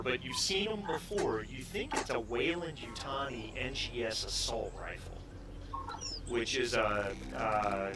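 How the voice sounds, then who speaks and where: A man running a tabletop role-playing game, narrating off the cuff in a conversational, halting way as he searches for words. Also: medium pitch. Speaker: game master.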